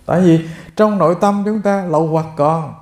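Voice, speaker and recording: A Buddhist monk delivers a Dharma talk, telling stories and addressing his listeners directly. His voice is high-pitched with a darkish tone, at a normal speed, and the sound is roomy.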